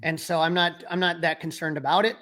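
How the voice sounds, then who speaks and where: A podcast co-host with a notably high-pitched, sharp voice talks sports in a casual, conversational way. He speaks fairly quickly in a level tone, stating his opinions emphatically during his analysis.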